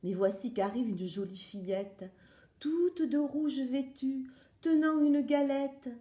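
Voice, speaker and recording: A woman narrating a children's picture book in a bright, high voice. She reads slowly and playfully, in a sing-song rhythm. The sound rings in a roomy, echoing space. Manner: slow, sing-song, playful read-aloud. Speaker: storyteller. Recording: roomy echo.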